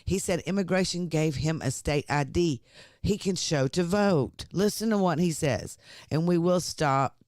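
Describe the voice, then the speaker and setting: A man's voice: a little high, measured pace, darkish tone, no room sound, studio quality. A man, co-hosting a political talk podcast and reading news items aloud in a conversational way. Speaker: podcast co-host.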